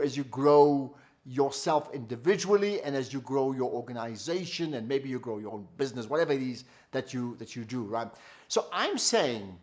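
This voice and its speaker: A man giving a motivational masterclass. He repeats key phrases for emphasis and asks rhetorical questions. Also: medium pitch. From South Africa. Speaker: company founder giving a masterclass.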